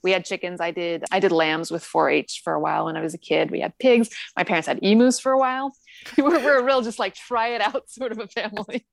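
A woman in her forties from Northern California, a guest chatting casually in an interview, self-deprecating and quick to laugh. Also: medium pitch, steady tone, vocal fry, no echo. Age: 40s. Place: home with the lights off.

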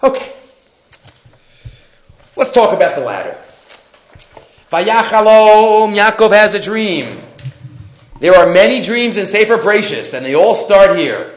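A man with giving an animated religious lesson as a rabbi, emphatic, repeating phrases and answering his own questions. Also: sits high, measured pace, pauses often. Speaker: rabbi teaching a Torah class. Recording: echoey room, dull muffled sound.

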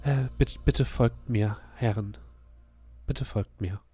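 A man's voice: lowish voice, slow pace, warm tone, husky. A man voicing a frightened, weary elderly woman who speaks hesitantly in a trembling, pleading voice in a tabletop game. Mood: fearful pleading. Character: frightened, weary elderly woman, deposed ruler turned servant.

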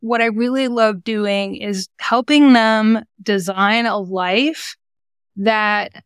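A woman's voice: mid-range voice, fairly even intonation, slow, clean tone, dry recording, studio quality. A woman speaking as a guest in a podcast interview, explaining her coaching work for mothers in an earnest, encouraging way. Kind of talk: conversational interview.

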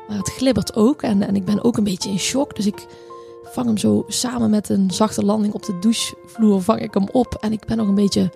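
A woman in her thirties telling a personal story in a halting, reflective way, with many restarts and fillers. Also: mid-range voice, vocal fry, warm tone.

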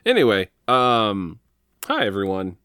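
A man co-hosting a casual sports fan podcast, talking in a relaxed, halting way with plenty of fillers. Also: fairly low pitch, clear, resonant tone, no room sound, clean studio sound. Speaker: podcast co-host.

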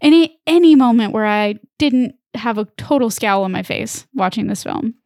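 A woman's voice: on the high side, moderate pace, no echo, studio quality. A woman in her thirties co-hosting a podcast in casual chat, chatty and laughing often. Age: 30s. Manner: chatty, laughs often, jumps into animated impressions. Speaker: podcast co-host.

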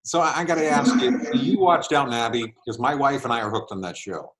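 A man hosts an interview show at a middle pitch. He reads a guest introduction, then asks his questions haltingly, often stumbling over and repeating words. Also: expressive, a bit bright. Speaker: podcast host.

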